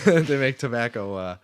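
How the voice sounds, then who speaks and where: A man's voice: medium pitch, no room sound. A man who is a guest on a casual podcast, easygoing and joking, swearing casually.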